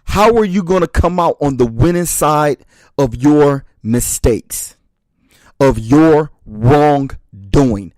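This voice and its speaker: Male motivational speaker, slightly high voice, slow and deliberate delivery, emphatic refrains, dry close sound. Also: animated, a little mellow, no room sound. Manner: emphatic, repeats short refrains; addresses listeners as brothers and sisters. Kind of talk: motivational speech.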